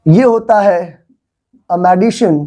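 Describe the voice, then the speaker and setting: Brief: young male teacher in a classroom, mellow tone, coaxing, repeats words for students to echo. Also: high-pitched, drawn-out words. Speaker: English teacher. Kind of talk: classroom vocabulary lesson.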